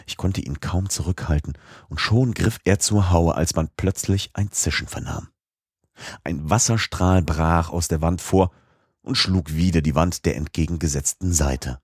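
A man narrating a classic novel as an audiobook in a measured, steady manner. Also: low voice, husky, no room sound, clean studio sound.

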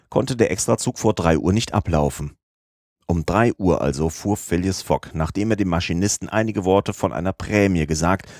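A man calmly narrating a classic novel as an audiobook, in a measured reading style. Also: low-pitched, dry recording, clean studio sound.

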